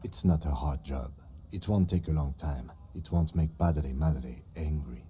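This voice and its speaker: An actor playing a calm, stern police lieutenant in a video game, speaking in a measured, dry way that carries menace. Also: male voice, a bass voice, a little hiss or hum. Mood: cold menace. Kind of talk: dramatic video game dialogue.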